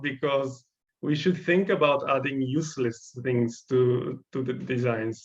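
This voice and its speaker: In a muffled recording, a native Bulgarian speaker with a matching accent leads a workshop. His voice is mid-range, and his feedback on students' designs is supportive and considered, punctuated by pauses as he hunts for words.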